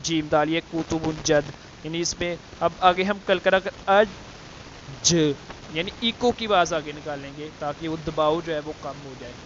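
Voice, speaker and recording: A man teaching Quran letter pronunciation, explaining slowly with many fillers and repeating the letter sounds to demonstrate. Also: fairly high pitch, a bit bright, lo-fi sound, slight background noise. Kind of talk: tajweed lesson with demonstrations.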